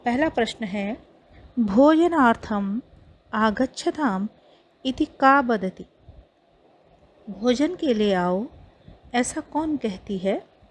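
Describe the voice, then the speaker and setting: Indian woman, Sanskrit teacher, slow and careful, slightly high voice, faint hiss behind. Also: animated. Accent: Indian Hindi. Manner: reads each Sanskrit line, then explains it in Hindi. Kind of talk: explaining a textbook lesson line by line.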